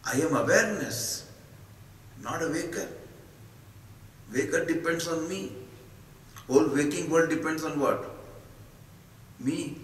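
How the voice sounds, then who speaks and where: An Indian-accented man delivers a philosophical discourse to students in a large, echoey space. He speaks slowly and emphatically, setting out rhetorical questions and short answers. The mic is at a distance, with faint noise behind him. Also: a little high.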